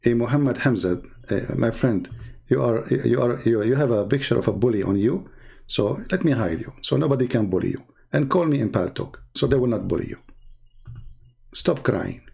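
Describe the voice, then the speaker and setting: This man's voice is mid-range, creaky, mellow and husky, with lively intonation at a moderate pace. English isn't his first language; he hosts a religious debate show, sarcastically and emphatically mocking religious texts through rhetorical questions and repeated words.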